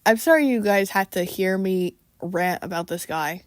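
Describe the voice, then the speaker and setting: A woman in a casual, unscripted rant to viewers, speaking in a weary, exasperated and halting way. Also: medium pitch, no room sound, clean studio sound. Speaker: online creator addressing viewers.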